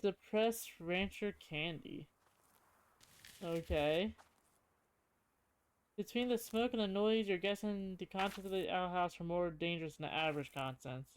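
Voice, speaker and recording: A game streamer with a middling pitch talks through a playthrough. The delivery is casual and hesitant, thinking aloud between bits of on-screen text read out. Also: a little slow, long pauses, a little hiss or hum.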